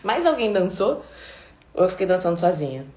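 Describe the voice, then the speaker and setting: A woman from Brazil hosting a casual motivational live stream, animated and acting out little quoted voices, still warm and sweaty from dancing. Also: on the low side, brisk. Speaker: live-stream host giving advice. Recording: roomy echo.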